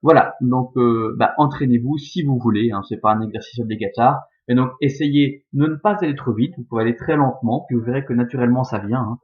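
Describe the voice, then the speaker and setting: A man's voice: mid-range voice, brisk, few pauses, highs cut off. A man carefully explaining, step by step, how to read and scan Latin verse aloud.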